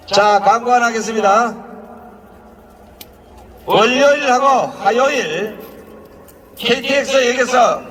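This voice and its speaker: A man's voice: very high voice, a bit bright, a little hiss or hum. A man acting as master of ceremonies at an outdoor rally, giving directive, exhorting announcements. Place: outdoor street rally stage. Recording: long reverb from outdoor PA.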